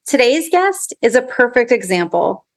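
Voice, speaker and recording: A woman hosting a podcast, reading a prepared introduction and then chatting in a bright, upbeat way. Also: on the high side, very animated, normal speed. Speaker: podcast host. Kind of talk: scripted intro, then casual interview.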